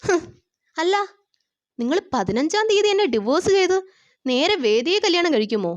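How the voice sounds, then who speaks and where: A woman reading the lines of a defiant wife who reproaches her husband with cutting questions, in her own fairly high voice. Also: sing-song, moderate pace, highs cut off. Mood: reproachful.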